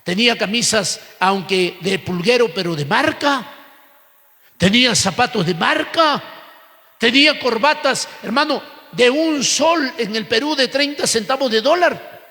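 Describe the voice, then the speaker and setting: Fervent preacher man, high gravelly tone, shouting sermon in a reverberant church. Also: expressive, measured pace. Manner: fervent, often shouting, repeated calls of "hermano". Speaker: pastor. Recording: echoey church hall.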